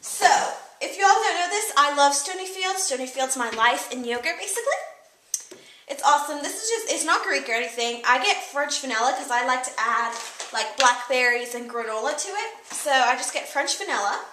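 Chatty high-voiced young woman in an echoey room. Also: animated, normal speed, pushed and bright, slight background noise. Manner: chatty, rambling, lots of fillers. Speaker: vlogger. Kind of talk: casual product haul chat. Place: room with a table by windows, indoors. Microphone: camera mic a few feet away.

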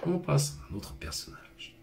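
A man's voice: normal speed, darkish tone, slight background noise. A man hosting a live French lesson, chatting and stopping to explain vocabulary. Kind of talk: casual live lesson and reading.

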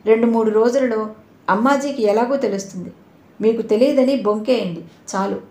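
A woman voicing a bold, caring young woman who looks after the children, speaking gently and reassuringly. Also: on the high side, normal speed, close to an everyday voice. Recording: roomy echo.

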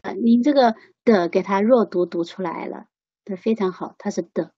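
A woman teaching English pronunciation in a slow, patient way, repeating examples. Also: medium pitch, husky, no echo, highs cut off. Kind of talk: online pronunciation lesson.

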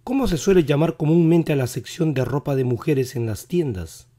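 A male teacher running a vocabulary quiz lesson, repeating each English word slowly and carefully, his voice not fully recovered. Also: on the high side, lively intonation, mellow.

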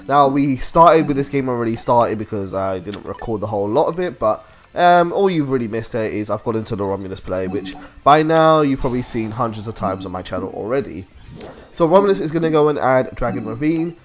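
A man giving casual, chatty commentary for a gaming video, recorded as a voice-over. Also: mid-range voice. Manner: chatty, loose and conversational.

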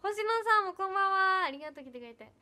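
A young woman, chatting casually on her livestream as she reads viewer comments. Her voice sits high and sounds bright. She giggles often and keeps thanking people. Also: expressive, racing. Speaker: idol livestreamer.

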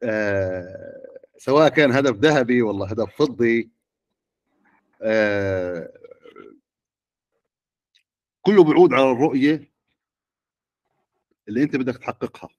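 A man's voice: mid-range voice, lively intonation, normal speed, pauses often, dry recording, highs cut off. A middle-aged man, lecturing teachers and often checking with the audience. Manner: questioning the audience.

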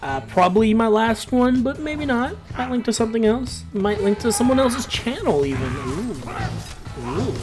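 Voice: mid-range voice, animated, normal speed, hardly any pauses, music in the background. A gameplay commentator talking casually over a match, rambling and ranting with plenty of filler words. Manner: rambling, ranty, laid-back with filler words.

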